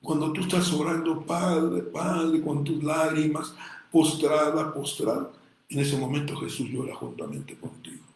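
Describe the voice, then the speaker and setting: Impassioned Mexican preacher in an echoey church. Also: male voice, fairly high pitch, animated, moderate pace. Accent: Mexican Spanish. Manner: impassioned preaching, swinging between loud bursts and soft asides; addresses listeners as "hermano". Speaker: pastor. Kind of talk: sermon.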